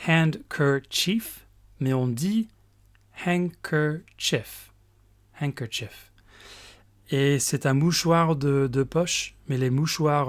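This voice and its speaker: Male English teacher, unhurried explanatory delivery. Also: mid-range voice. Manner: slow, explains pronunciation step by step, fillers. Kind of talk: recorded grammar lesson.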